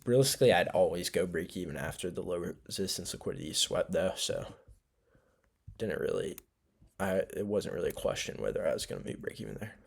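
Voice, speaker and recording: A man's voice: deep voice, animated, brisk, creaky, breathy edge. A sleepy young man casually recapping his trades, rambling with lots of fillers and self-corrections. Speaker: trading vlogger. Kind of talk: casual screen-share recap.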